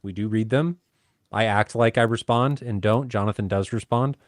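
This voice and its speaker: A man co-hosts a casual podcast in a lowish voice at normal speed, chatting and joking at his own expense. The recording is dry, with clean studio sound.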